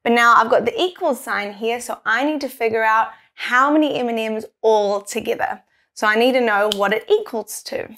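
A young woman with a highish voice gives a maths lesson for small children. She is teaching a child to count, guiding step by step and encouraging as a primary teacher would. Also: normal speed, a bit bright. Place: small furnished room indoors.

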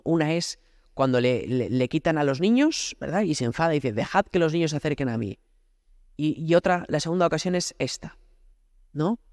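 A man's voice: fairly high pitch, darkish tone, dry recording, studio quality. A man from Spain, a priest, giving a conversational prayer homily, often asking rhetorical questions and speaking directly to God. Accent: Spanish from Spain.

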